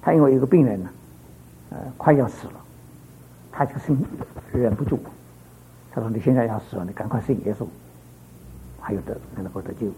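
An older man from Fuzhou preaching a sermon, telling family stories in a rambling way, his phrases trailing off softly. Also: mid-range voice, a little fast, pauses often, a little hiss or hum, poor audio. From Fuzhou, China.

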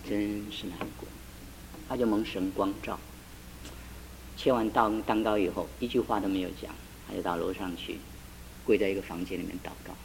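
A man's voice: mid-range voice, a bit bright, slight background noise, rough recording. A man preaching a sermon, retelling a couple's conversation and building to emphatic climaxes. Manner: retells the couple's dialogue with shifting tones, rising to emphatic climaxes. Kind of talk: sermon with a told story.

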